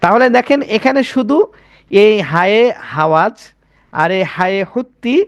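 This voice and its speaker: A man with a high voice teaches an Arabic pronunciation class. He goes slowly, repeats each word and keeps asking if his students follow. The sound is close and dry, with no room echo. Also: expressive. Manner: explains slowly, repeats words, checks with students.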